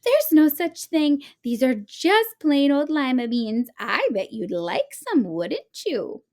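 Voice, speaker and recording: Lady doing a sweet little old granny from a picture book, gentle n bright, super lilting. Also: high voice, very animated, slow pace, pitched above the performer's own voice, full character voice. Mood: kindly. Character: kind, plump, sweet old woman offering a remedy.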